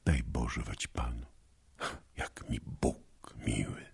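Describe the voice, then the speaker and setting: A man voicing a modest young noblewoman who speaks softly, almost in a whisper. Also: extremely low pitch, sing-song, slow pace, creaky, husky, full character voice. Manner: soft, hushed, nearly whispered.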